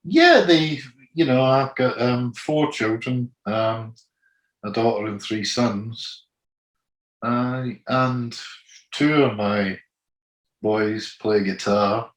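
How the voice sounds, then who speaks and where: A man in his sixties with a gritty, gravelly voice, chatting loosely as an interview guest, full of "you know". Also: medium pitch, slow, long pauses, echoey room. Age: 60s. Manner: rambling, full of "you know", laughs easily. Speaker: guest singer. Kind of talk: casual interview chat.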